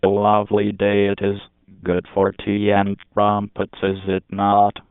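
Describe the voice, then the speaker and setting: A man's voice: fairly low pitch, completely flat delivery, a little slow, clean tone, no room sound. A man voicing a pushy, lewd British man in a put-on British accent, full of bawdy slang. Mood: leering. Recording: tinny phone-like sound.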